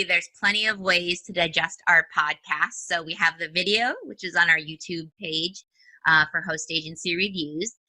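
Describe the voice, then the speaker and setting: Upbeat Minnesotan woman host, lowish pitch, bright and forward, dry close mic. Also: no echo, poor audio. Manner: upbeat, chatty, laughs easily. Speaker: podcast host. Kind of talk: podcast interview.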